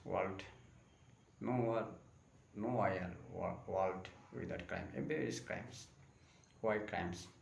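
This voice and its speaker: Buddhist monk man livestreaming a talk, low flat gravelly voice, echoey room w/ faint hiss. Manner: slow, repetitive phrasing in non-native English. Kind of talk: live-streamed Dharma talk.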